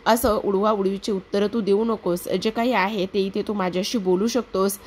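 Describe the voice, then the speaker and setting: A woman reading out the lines of a caring, patient young sister-in-law who coaxes and pleads gently, in a TV serial recap. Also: mid-range voice, steady tone, moderate pace, breathy edge, natural voice. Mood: coaxing. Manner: coaxing, pleading.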